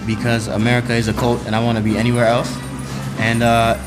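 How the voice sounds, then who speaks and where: Man, from Sudan, mid pitch, blunt opinionated talk, loud music underneath. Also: completely flat delivery, quick pace. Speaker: traveler interviewed at a table. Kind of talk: casual group conversation. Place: outdoor restaurant table.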